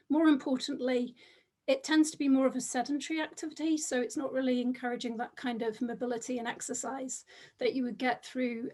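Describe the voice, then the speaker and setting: A woman presenting academic research over a video call in a measured, reflective way. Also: on the high side, a little mellow, breathy edge.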